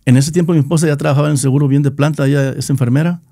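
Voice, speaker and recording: A middle-aged man with a Nayarit Mexican Spanish accent recalls how he founded his band, talking in a loose, slangy way. He repeats and restarts words as he goes. His voice is mellow and warm, and the recording is dry and close. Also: on the high side, fairly even intonation, very fast, no echo. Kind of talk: casual storytelling interview.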